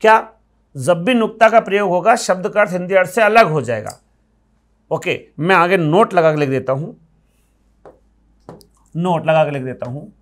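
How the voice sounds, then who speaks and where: A man teaching grammar at a board, explaining patiently, repeating words slowly and asking the class for yes or no. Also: high voice, expressive. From India.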